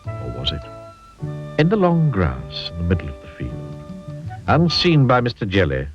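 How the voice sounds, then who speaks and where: Man reading a storybook with a lively voice. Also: low-pitched, moderate pace, soft background music. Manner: expressive, playful. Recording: dull lo-fi audio.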